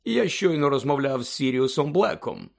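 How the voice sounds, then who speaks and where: A man voicing a calm, firm elderly male headmaster who speaks quietly. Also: medium pitch, moderate pace, gravelly.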